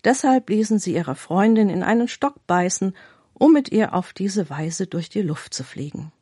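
A woman presenting a radio talk and reading a parable in a calm, clear, formal manner. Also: mid-range voice, normal speed, dry recording, studio quality. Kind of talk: scripted storytelling reading.

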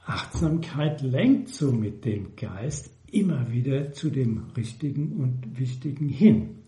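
A man giving a measured, explanatory Buddhist dharma talk. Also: mid-range voice, animated, warm tone, echoey room. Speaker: Buddhist teacher.

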